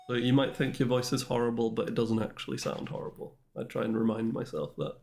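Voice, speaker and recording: A man's voice: mid-range voice, level tone, fairly quick, vocal fry, darkish tone. A man with a mid-range voice streams a game and chats loosely with his viewers. He rambles and makes fun of himself while answering the chat. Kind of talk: casual livestream chat with viewers.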